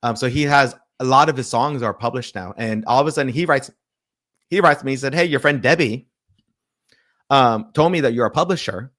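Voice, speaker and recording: A man recounting events to an interviewer in a relaxed, conversational way. He slips into the voices of the people he quotes and often repeats words as he restarts sentences. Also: mid-range voice, fairly quick. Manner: animated retelling with quoted dialogue and frequent restarts. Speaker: pastor and publisher, interview guest. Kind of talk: storytelling in a casual interview.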